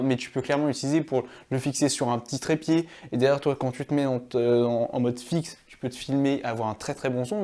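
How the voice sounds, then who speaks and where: A man's voice: medium pitch, dark tone. A young man casually demonstrating a gimbal, rambling with many fillers and restarts, outdoors in a small courtyard. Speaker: tech vlogger reviewing a gimbal. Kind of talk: casual demo talk.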